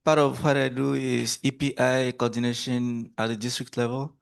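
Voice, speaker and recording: A man's voice: mid-range voice, flat delivery, normal speed, creaky, clean tone. A man with a Togolese accent gives a spoken self-introduction to a group. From Togo. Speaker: course participant, doctor.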